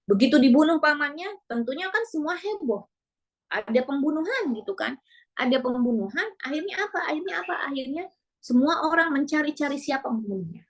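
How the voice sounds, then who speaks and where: Brief: a high-pitched woman preacher, retelling a story with rhetorical questions. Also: expressive, moderate pace. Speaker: female preacher. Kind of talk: sermon storytelling.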